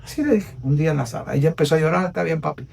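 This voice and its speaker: A Puerto Rican evangelist tells his testimony with a preacher's earnestness, his fairly high voice dropping low and then rising with emphasis. He sits a little back from the mic, so the sound is somewhat distant. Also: very animated, very fast, vocal fry. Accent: Puerto Rican Spanish. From Puerto Rico. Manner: earnest, preacherly, swings between hushed and emphatic. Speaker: evangelist, podcast guest. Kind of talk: personal testimony storytelling.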